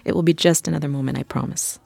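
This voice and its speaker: An audio tour guide from an English-speaking country narrates in a low, gravelly woman's voice, soft and gentle, speaking straight to the listener. Her scripted, intimate narration keeps a steady tone and a quick pace over faint background music.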